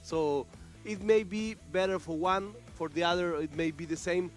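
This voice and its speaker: Eager male esports commentator, higher voice. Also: moderate pace, faint music behind. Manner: enthusiastic, repeats words, slightly non-native phrasing. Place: esports tournament venue.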